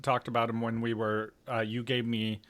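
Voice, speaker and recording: A man co-hosting a casual fantasy football podcast over a video call from work on his lunch break, relaxed and quick to laugh. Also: mid-range voice. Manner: relaxed, laughs often, jokey. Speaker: podcast co-host.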